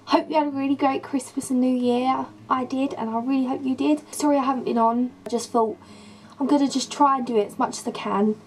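A young woman with a croaky voice from a sore throat, chatting in a rambling, gushing way as she films a vlog in her bedroom on a camera mic. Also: sits high, steady tone, a little fast, a little mellow, slight background noise, poor audio. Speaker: beauty and lifestyle vlogger.

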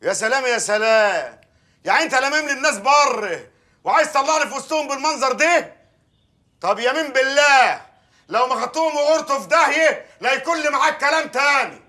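An actor playing a lecherous, bullying village mayor, wheedling one moment and blustering the next. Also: male voice, very high voice, animated, fast, pushed and bright, exaggerated voice. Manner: wheedling, then blustering and threatening. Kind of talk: film acting.

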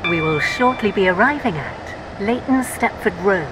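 A woman voicing an automated onboard train announcer who reads station calls in a steady, scripted way. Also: mid-range voice, normal speed, noisy background, close to an everyday voice. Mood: calm.

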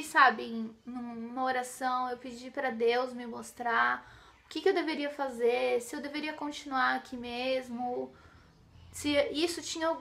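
Bright, gravelly young woman chatting. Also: high-pitched. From Brazil. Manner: chatty, heartfelt, many fillers like "sabe" and "gente". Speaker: beauty vlogger. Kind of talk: casual chat to camera. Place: living room, sitting by a sofa.

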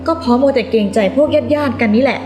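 Actress as snobby spoiled heiress; high, animated, quick, in an echoey room. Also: female voice, lightly acted. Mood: dismissive. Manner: haughty, scornful, snappy. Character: spoiled rich young woman, arrogant, foreign-educated. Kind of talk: short drama acting. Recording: echoey room with music behind.

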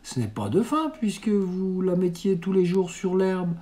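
A man's voice: sits high, lively intonation, measured pace, dark tone, voice pushed up. A man voicing a proper genteel mother. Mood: perplexed.

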